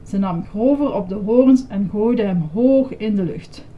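A woman lively and expressive as she reads a children's story aloud. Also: mid-range voice, unhurried, muffled recording.

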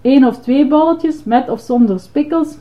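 A woman's voice: high-pitched, measured pace, dark tone, voice pushed up. A woman puts on a cheerful male ice cream monster from a storybook. He chants his list proudly and is keen to please every customer. The sound is dull and lo-fi. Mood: flustered.

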